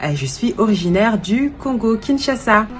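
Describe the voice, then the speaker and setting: A woman's voice: a little high, expressive, moderate pace, faint music behind. A woman in her twenties, a life coach, giving an earnest and reflective personal video message while she searches for her words. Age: 20s. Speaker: life coach and event planner.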